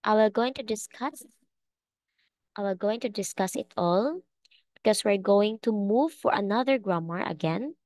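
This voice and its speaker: A woman's voice: mid-range voice, normal speed, darkish tone, no echo. A woman teaching an online English class, speaking patiently and checking often that her students understand.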